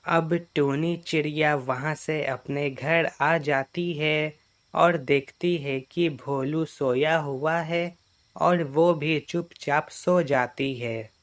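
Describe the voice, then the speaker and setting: A narrator tells a children's cartoon story at a slow, plain pace. The voice sits at a middle pitch. Nothing about it is dramatic. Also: fairly even intonation.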